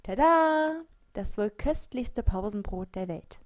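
A woman voicing a cheeky, smug schoolgirl in an audiobook, with a bright, teasing, bouncy delivery. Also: on the high side, expressive, normal speed, creaky. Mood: proud. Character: cheeky top-student schoolgirl, smug and carefree.

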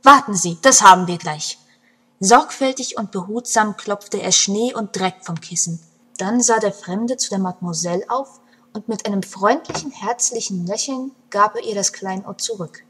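A woman narrating a story in an expressive storytelling manner, her loudness swinging between hushed and strong passages, with a breathy voice. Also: medium pitch, moderate pace.

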